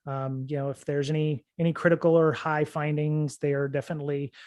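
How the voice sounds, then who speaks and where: A man with a fairly high voice hosts a casual security podcast chat. He rambles, circling back with fillers and restarts as he goes. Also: level tone, brisk, darkish tone, clean tone. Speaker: podcast host.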